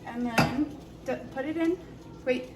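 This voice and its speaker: A woman's voice: sits high, a little slow, echoey room, far from the mic, heavy background noise. A woman vlogging from her home kitchen, talking casually and encouraging a small child through cooking step by step. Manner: slangy, says "like" often. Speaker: mom and wellness vlogger.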